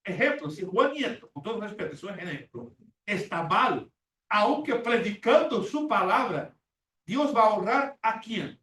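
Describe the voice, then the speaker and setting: In a church classroom, a man in his sixties teaches a Bible class like a sermon, emphatic and repetitive, acting out the prayers he quotes. His voice is high-pitched, expressive, bright, and forceful, at a measured pace. The recording is distant and echoey with faint hiss.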